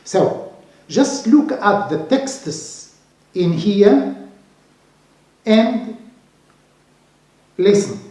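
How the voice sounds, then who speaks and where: A man teaching English pronunciation to beginners, speaking slowly and repeating each word carefully. His native language is Arabic. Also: sits high, big pitch swings, warm tone. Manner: drills words slowly and repeats them. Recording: very echoey room.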